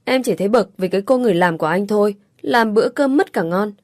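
A woman reading an audiobook story, voicing a spoiled, sharp-tongued young woman who speaks petulantly and with sarcasm. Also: medium pitch, expressive, fast, no echo, studio quality, natural voice.

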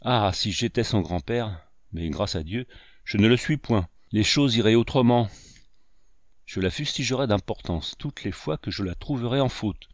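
A man reading aloud and voicing a sharp-tongued old grandmother who scolds in a shrill tone. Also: moderate pace, no room sound, clean studio sound, close to an everyday voice. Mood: scolding.

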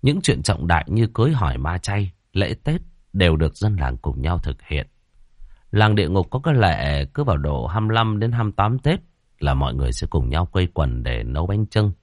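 Brief: deep male storyteller, dramatic lilt, dry close sound. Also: no echo. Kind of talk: scripted ghost story narration.

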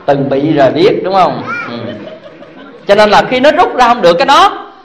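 Monk preaching to a congregation, high voice, questioning the crowd. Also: male voice, normal speed. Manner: animated, asks the audience rhetorical questions; chuckles as he talks. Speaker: Buddhist monk. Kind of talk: dharma talk to a congregation.

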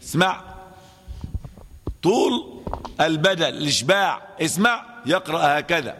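A man with an Egyptian Arabic accent teaches Quran recitation as a sheikh. He quizzes his listeners, answers himself and repeats the terms in a slightly high voice. The recording carries a long, hall-like reverb. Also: lively intonation, measured pace, fairly bright tone, a little hiss or hum. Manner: asks and answers his own questions, repeats key terms. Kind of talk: classroom lesson with chanted recitation examples.

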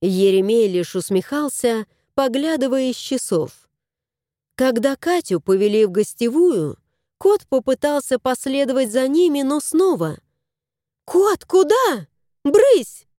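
A woman narrating a storybook in an expressive, lilting reading voice. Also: sits high, measured pace, no echo, studio quality.

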